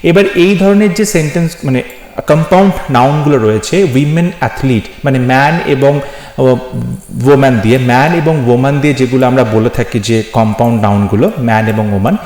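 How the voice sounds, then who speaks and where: A man teaching an English grammar lesson, patiently explaining rules and slowing down to spell out example phrases. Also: medium pitch, darkish tone, soft background music. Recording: echoey room with long reverb.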